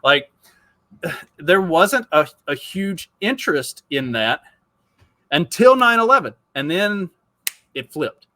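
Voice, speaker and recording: Forceful, foul-mouthed man in his forties. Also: fairly high pitch, sing-song, takes it slowly, long pauses, no room sound. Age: 40s. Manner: profane, rambling, many restarts. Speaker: podcaster. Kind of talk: casual podcast chat.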